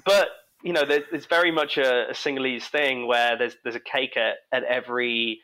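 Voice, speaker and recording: A man speaking as a guest cook, relaxed and chatty, chuckling as he talks. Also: medium pitch, normal speed, low-quality recording. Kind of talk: casual interview chat.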